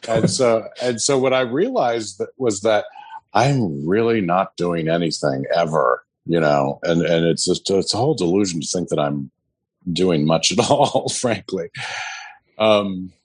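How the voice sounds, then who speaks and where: A man's voice: sits low, measured pace, breathy edge, no room sound. A man giving an earnest, hesitant personal testimony to his meditation group. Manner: earnest, hesitant, full of fillers. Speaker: sangha member giving testimony.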